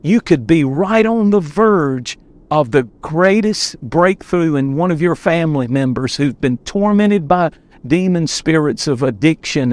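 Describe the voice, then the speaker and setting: A man, a pastor, preaching a sermon outdoors from a boat on a lake, earnest and emphatic, often repeating himself for weight. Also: a little high.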